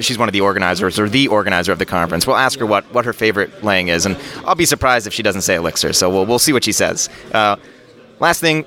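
Brief: male podcast host, low-pitched, upbeat live conference interviewer who stumbles over repeated words. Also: a bit bright. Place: busy conference venue.

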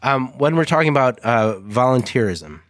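A man's voice: medium pitch, very animated, normal speed, fairly bright tone, dry recording, clean studio sound. A man co-hosting a casual church podcast, joking and laughing often while steering the talk. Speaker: podcast co-host. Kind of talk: casual chat about church.

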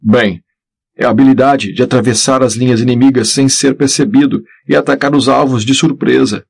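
A man voicing a young male knight who explains himself in a measured way. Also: mid-range voice, steady tone, gravelly, husky, voice pushed up. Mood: explaining. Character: young male knight, earnest and a bit defensive.

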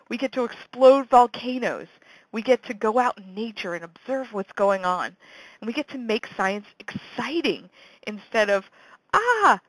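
A woman presenting a scripted educational science show in a bright, curious, encouraging manner, stressing key words and posing questions to the listener. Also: medium pitch, dry recording, low-quality recording. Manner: encouraging, poses questions and answers them. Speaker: host of a homeschool science teaching show. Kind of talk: scripted explanatory presentation to parents.

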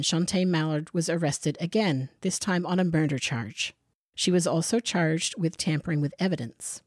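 Female podcast co-host on the lower side, dry studio sound, sarcastic and plain-spoken true crime storytelling. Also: a little mellow, no echo. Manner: blunt, sarcastic, sweary. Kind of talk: true crime narration with casual banter.

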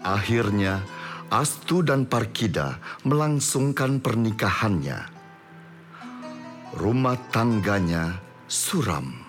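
A man's voice: on the low side, lively intonation, slow pace, pauses often, faint music behind. A man narrating a scripted drama in a storytelling style.

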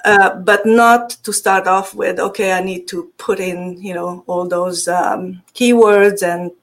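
This Hungarian-accented marketing guest from Transylvania speaks in a mid-range voice with a steady tone and measured pace. The interview is casual, and she uses frequent fillers, restarts her sentences and laughs easily.

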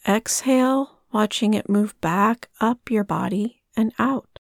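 Slow, soothing woman guiding meditation. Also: mid-range voice, creaky, no room sound, studio quality. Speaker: meditation guide. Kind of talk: guided meditation.

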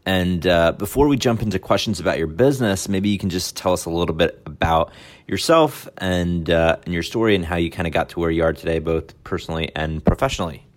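Deep-voiced male podcast host, casual and friendly, dry close sound. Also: fairly quick, no echo. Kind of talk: podcast interview.

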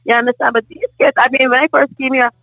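A middle-aged woman from the Bahamas with a Bahamian accent, a guest in a casual table conversation, telling stories in a lively way and often asking "you understand?". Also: high voice, fast, vocal fry, no room sound, rough recording. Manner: animated storyteller, often asks "you understand?".

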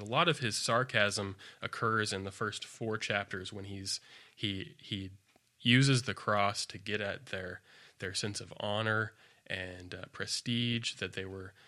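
Bright, measured male scholar. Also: fairly low pitch. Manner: thoughtful, measured, with frequent fillers and restarts. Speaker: biblical scholar guest. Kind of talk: explanatory interview talk.

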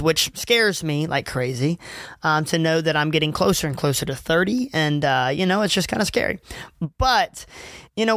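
Young male podcast host, higher voice, dry close mic; earnest, rambling, faith-focused chat. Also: pushed and bright, dry recording. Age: 20s. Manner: earnest, rambling, many fillers and restarts.

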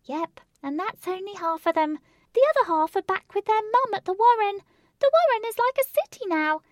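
A woman's voice: extremely high pitch, expressive, normal speed, dry recording, voice pushed up. A woman voicing a cheery, chatty male father rabbit in a storybook reading. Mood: cheerful. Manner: chirpy, homely, chatty.

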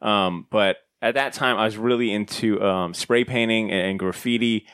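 A man's voice: on the low side, normal speed, fairly bright tone, smooth, no echo, clean studio sound. A man hosting a podcast, chatting casually and telling a meandering, informal story that he often interrupts himself. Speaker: podcast host. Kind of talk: casual chat, telling anecdotes.

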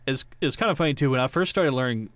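A man talks in a loose, rambling way, often restarting his sentences and laughing at his own stories. His voice sits at a middle pitch. The recording is dry and close, with no room sound. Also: fast, a bit bright, dry recording. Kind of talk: casual chat.

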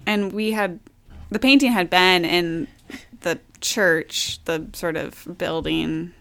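Gravelly-edged American woman co-hosting a podcast. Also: on the low side, steady tone, slow pace, a bit bright. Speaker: podcast co-host. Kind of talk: casual co-hosted podcast chat.

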